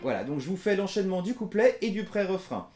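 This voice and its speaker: A man giving a casual guitar lesson in a small room, talking in a relaxed way and counting beats aloud. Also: high voice, quick pace, echoey room. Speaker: guitar teacher. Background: electric guitar playing.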